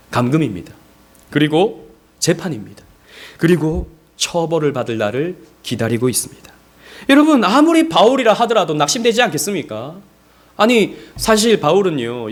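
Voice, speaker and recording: A man's voice: a little high, normal speed. A male pastor preaching a Sunday sermon, telling stories with animation and speaking directly to his congregation. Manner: animated storytelling, acting out quoted speech.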